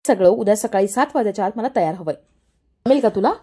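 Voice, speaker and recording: A woman's voice: mid-range voice, lively intonation, fast talker, mellow, husky. A woman voicing a stern, haughty older female guru who scolds and gives orders, in a recap of a television serial. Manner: scolding, commanding.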